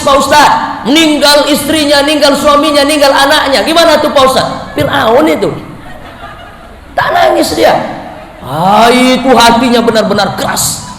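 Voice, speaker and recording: A male preacher gives a lively sermon, asking and answering his own questions and acting out the voices he quotes. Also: very high-pitched, normal speed. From Indonesia. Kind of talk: lively sermon to a live audience. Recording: echoey hall with faint noise.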